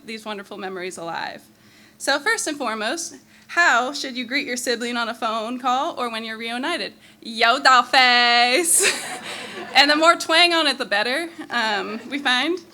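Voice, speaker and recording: A woman's voice: a little high, bright, forceful tone. A woman, a younger sister, giving a prepared memorial speech in a fond, humorous way. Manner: fond and humorous, laughing between lines.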